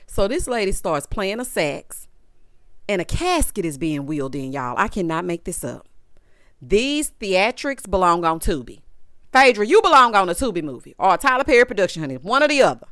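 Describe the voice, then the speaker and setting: A woman's voice: mid-range voice, normal speed, dry recording, clean studio sound. A woman hosting a reality TV recap with casual, sassy commentary full of slang and teasing asides. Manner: sassy, animated, drawling slang.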